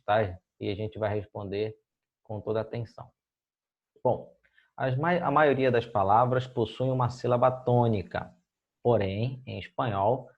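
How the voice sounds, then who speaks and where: A man's voice: mid-range voice, highs cut off. A Brazilian man teaching Spanish in a recorded video lesson, explaining patiently and checking in with his students after almost every phrase. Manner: explains patiently, ends phrases with "tá?" and "beleza, gente?".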